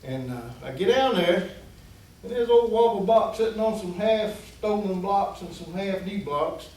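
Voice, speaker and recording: A man's voice: high-pitched, animated, measured pace, darkish tone. Folksy man telling a yarn, very echoey. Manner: folksy, rambling, acts out quoted voices. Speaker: guest storyteller. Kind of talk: casual storytelling. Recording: very echoey room, distant mic, faint hiss.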